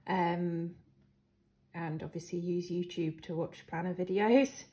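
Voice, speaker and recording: In an echoey living room with a hard floor and a little background noise, a young British woman slowly shows her planner supplies. Her lowish voice keeps a steady tone but is croaky, and she clears her throat often. As a planner vlogger doing casual show-and-tell, she hesitates with many ums and soft laughs.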